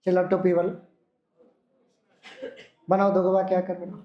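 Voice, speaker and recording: A male teacher giving a classroom grammar lesson, dictating sentences slowly and giving firm instructions to students. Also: high voice, monotone, dull audio. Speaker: English teacher. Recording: echoey classroom.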